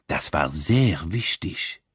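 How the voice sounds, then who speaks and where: A man voicing a calm, unflappable older male detective who speaks low, gently and slowly, with a mildly ironic manner. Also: breathy edge, no room sound, clean studio sound, exaggerated voice. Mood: calm, gentle. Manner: mild, encouraging, quietly ironic.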